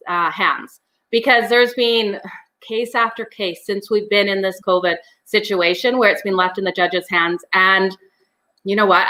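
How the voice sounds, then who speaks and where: A woman co-hosts a casual sports talk show. Her voice is bright and forceful, at an average pitch. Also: poor audio.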